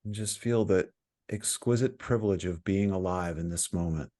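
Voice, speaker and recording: Low-pitched and calm, a male teacher takes listeners through a guided meditation. His soothing instructions are punctuated by frequent pauses.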